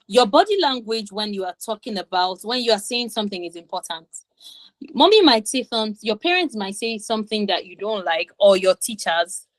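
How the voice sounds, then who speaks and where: A woman's voice: mid-range voice, dry recording. A woman coaching teenagers in an online class, stressing points by repeating them and checking in with "okay?". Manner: repeats for emphasis, acts out kids' voices. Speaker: confidence coach for teens.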